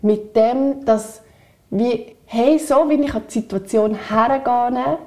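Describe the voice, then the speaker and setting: A woman's voice: fairly high pitch, slow, a little mellow. A woman with a Swiss German accent co-hosting a podcast, speaking candidly and thinking aloud in long, winding sentences. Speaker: podcast co-host. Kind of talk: reflective casual chat.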